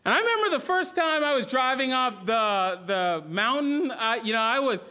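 A man from the Bahamas preaches in a church, his voice pitched high for a man. He speaks earnestly, asks his listeners questions and often restarts his words. The tone is bright and forceful. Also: lively intonation, moderate pace, clean tone. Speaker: pastor. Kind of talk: sermon.

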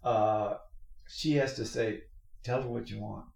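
Gravelly-voiced man in an echoey shop. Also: medium pitch, steady tone, a little slow, a little mellow. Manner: rambling storyteller, lots of restarts and laughs. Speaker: podcast host. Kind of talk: casual chat. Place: work shop with machines. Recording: roomy echoey shop recording.

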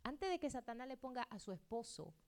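A middle-aged woman pastor preaching a sermon, acting out quoted dialogue and swinging between loud outbursts and hushed asides. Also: on the high side, very animated, a little fast.

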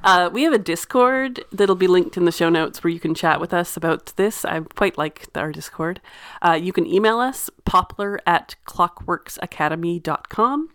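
A woman's voice: on the low side, lively intonation, normal speed, a bit bright, no room sound, studio quality. A woman co-hosting a podcast in casual chat, enthusiastic and full of fillers. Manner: chatty and enthusiastic, many fillers. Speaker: podcast co-host.

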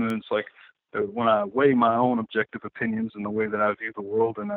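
Over a tinny, phone-like connection, a man with a lowish voice chats casually as a guest artist in an interview. The recording is dry, and his talk wanders, full of fillers and false starts.

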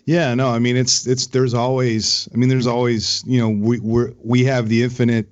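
A man's voice: medium pitch, flat delivery, moderate pace, dry recording, muffled recording. A man from Maryland hosting a podcast, talking casually with many restarts. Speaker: podcast host. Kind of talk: casual interview.

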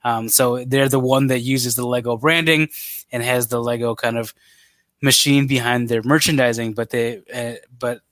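A man's voice: mid-range voice, fairly even intonation, normal speed, fairly bright tone, no echo. A man co-hosting an online talk show, chatting casually, often laughing and restarting his sentences. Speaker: podcast co-host. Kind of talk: casual chat.

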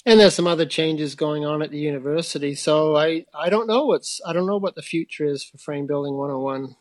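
A man's voice: a little high, a little fast, dry recording. A middle-aged man, a frame-building teacher, explaining his work thoughtfully in a conversational interview, with hesitant restarts.

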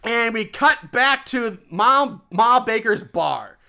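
A woman's voice: on the high side, expressive, slow pace, gravelly, pushed and bright. A woman co-hosting a podcast, recapping a film in casual, profane, sarcastic chat. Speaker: podcast co-host.

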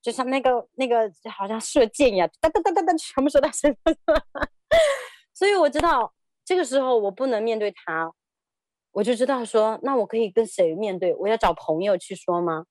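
A woman in her thirties recounts a personal story for an interview. She speaks in a fairly high voice, hesitant and prone to repeating words, with laughter breaking in. The sound is dry and close, with no room echo. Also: big pitch swings, normal speed, a little mellow.

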